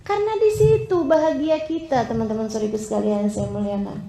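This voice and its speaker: Female preacher, high and animated, echoey room. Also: quick pace, gravelly, soft background music. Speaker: Islamic preacher. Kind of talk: sermon to a women's audience.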